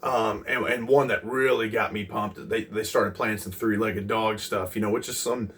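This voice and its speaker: Young guy, lowish voice, kinda far from the mic, rambles on about a show. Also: steady tone, moderate pace, a bit bright. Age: 20s. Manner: rambling, lots of ums and restarts. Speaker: music channel host. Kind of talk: casual concert recollection.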